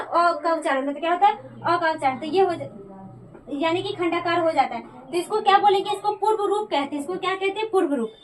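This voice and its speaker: A woman teaching a Sanskrit grammar lesson, often asking a question aloud and answering it herself. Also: very high voice. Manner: repeats questions and answers them for students. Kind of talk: classroom lecture.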